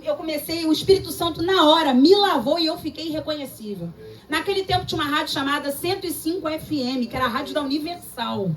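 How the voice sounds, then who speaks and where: A woman pastor with a Brazilian Portuguese accent, preaching a lively, emphatic sermon full of personal stories. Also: high voice. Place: church service. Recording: distant mic with faint room ambience.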